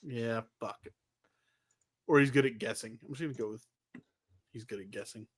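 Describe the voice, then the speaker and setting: A man's voice: mid-range voice, normal speed, slightly rough, no echo. A man co-hosting a wrestling news podcast in a casual, wry, offhand conversational way.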